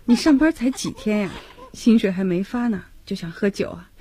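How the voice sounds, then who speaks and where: An actress playing a protective, anxious young wife and mother who fusses and gently scolds. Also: mid-range voice, animated, normal speed, slightly rough, dry recording. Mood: fretful, homely. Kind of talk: radio drama acting.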